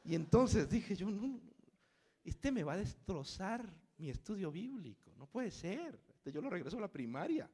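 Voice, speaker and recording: Casting note: man, storytelling preacher, lively swooping delivery, fairly high voice. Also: moderate pace, breathy edge. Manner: animated, dramatic storyteller acting out voices. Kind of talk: storytelling sermon.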